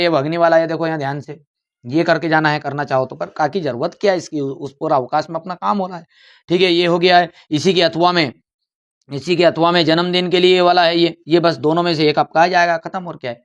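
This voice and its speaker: A man's voice: a little high, fairly even intonation, brisk, clean tone. A man teaching an exam-prep lesson, coaxing his students, repeating phrases and calling them "beta". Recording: dull lo-fi recording.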